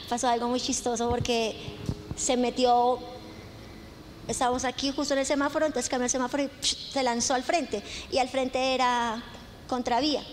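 A woman pastor preaches in a high, bright voice. She tells stories and drives points home by stacking lists and repeating phrases. Her voice rings through a reverberant church hall over a faint hum of noise. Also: fairly even intonation, normal speed. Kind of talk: sermon.

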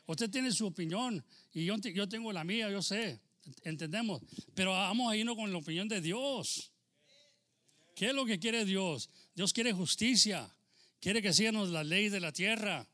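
Bright-voiced Mexican American pastor preaching. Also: male voice, high-pitched, unhurried. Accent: Mexican American Spanish. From United States. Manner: switches into English phrases, frequent amen and hermano; fervent preaching that drops into joking storytelling. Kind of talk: sermon.

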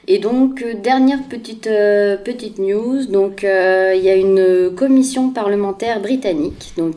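A woman's voice: medium pitch, dark tone. A woman co-hosting a casual news podcast, talking with frequent hesitations and fillers. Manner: hesitant, many fillers, self-deprecating. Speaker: podcast co-host presenting news.

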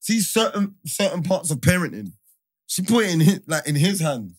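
A man's voice: fairly high pitch, big pitch swings, moderate pace. A man talking casually and emphatically on a group podcast, repeating words for emphasis. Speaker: podcast co-host.

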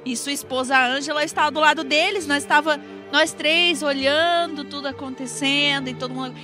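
A woman telling a comic anecdote on a talk show in an animated, chatty way. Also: sits high, moderate pace, faint music behind. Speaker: guest storyteller.

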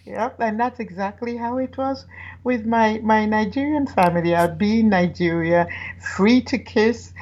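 A writer who grew up in Ghana appears as a guest, telling candid personal stories conversationally and laughing often. Her medium-pitched voice is a little mellow and measured, though the audio sounds dull.

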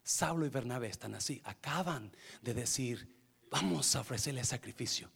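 A man preaching a sermon in Spanish to his congregation, slipping English phrases in and swinging between hushed, intimate talk and loud, shouted passages. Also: mid-range voice, normal speed, gravelly, breathy edge. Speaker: pastor.

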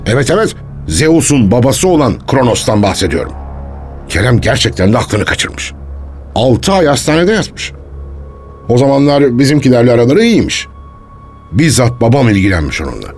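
An actor playing a defensive male archaeologist under police questioning, guarded and quick to take offence, in a radio drama. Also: medium pitch, sing-song, darkish tone, faint music behind. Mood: bitter. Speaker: suspect being questioned.

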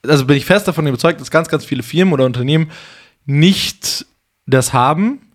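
A man's voice: a little high, fairly quick. A man co-hosting a podcast, talking loosely and thinking aloud, with fillers and English business buzzwords. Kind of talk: casual conversation.

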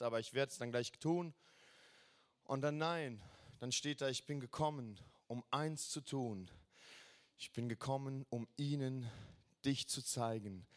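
A man delivers a sermon with fervent, enthusiastic energy. His voice sits on the higher side for a man, and he breaks into joyful calls of halleluja. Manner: passionate, enthusiastic, shouts halleluja. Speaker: preacher.

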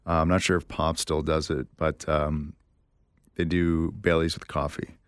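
A young man co-hosting a casual chat with his wife, telling stories with lively impressions of his family. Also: measured pace, clear, resonant tone, dry recording, clean studio sound. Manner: animated storyteller, mimics relatives in a high voice. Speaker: podcast co-host.

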